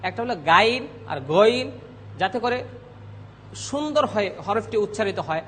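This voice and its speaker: A man teaching Arabic letter pronunciation on a TV lesson, speaking slowly and repeating each sound loudly for students. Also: sits high, expressive, long reverb tail, slight background noise. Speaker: Quran recitation teacher. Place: TV studio.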